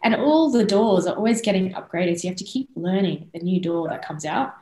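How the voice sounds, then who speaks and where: This guest singer-songwriter, an Australian woman in her thirties, talks briskly at a fairly low pitch in a casual video-call interview. Recorded via headset in a small room, the audio is roomy and low quality, and she's lively with lots of laughs and restarts.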